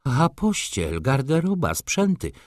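A fretful baroness fusses in a thin, raised voice that leaps up and down, performed by a man reading the story. She sounds perpetually rattled and hurried. The recording is close and dry. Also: mid-range voice, very animated, no echo, pitched above the performer's own voice. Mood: agitated. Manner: agitated, hurried exclamations. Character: flustered aristocratic lady, baroness, easily upset.

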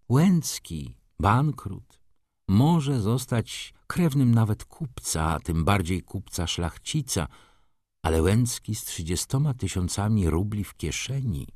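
Shrewd lawyer, read by a man: frank and lecturing, lively pitch, unhurried. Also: dry recording, clean studio sound, heavily acted. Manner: frank, lecturing, mildly mocking. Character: blunt shrewd male lawyer, middle-aged.

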